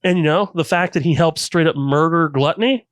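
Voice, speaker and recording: A man co-hosting a casual anime podcast, retelling scenes with animated enthusiasm. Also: a little high, a little fast, dry recording. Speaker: podcast co-host.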